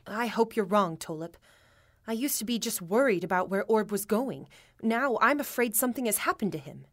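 A woman's voice: mid-range voice, lively intonation, normal speed, a little hiss or hum, lightly acted. A woman playing a sensible, concerned space traveler in an audio drama, with earnest delivery. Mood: worried.

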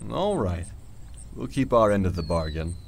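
A man playing a calm, decisive space-adventure hero and storyteller in an audio drama, measured and matter-of-fact. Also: deep voice, vocal fry, a little hiss or hum, full character voice. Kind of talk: scripted narration and audio drama acting.

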